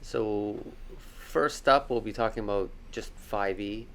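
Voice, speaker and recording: A man's voice: fairly low pitch, measured pace, fairly bright tone, slight background noise. Chatty male podcast host. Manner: rambling, chatty, with frequent fillers. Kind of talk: casual chat.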